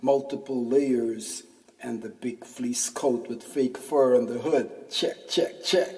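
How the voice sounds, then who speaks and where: This man's voice is mid-range and a little mellow. A podcast host and narrator in his fifties, he reads aloud his slangy, wry first-person essay, captured from afar in a room with lots of reverb.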